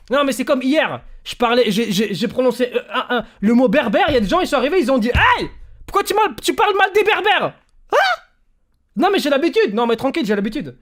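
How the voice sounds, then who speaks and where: Young guy streamer, animated storyteller, slangy chat. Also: extremely high pitch. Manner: animated storyteller, slangy, swings between loud bursts and quiet mumbling. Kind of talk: casual livestream chat.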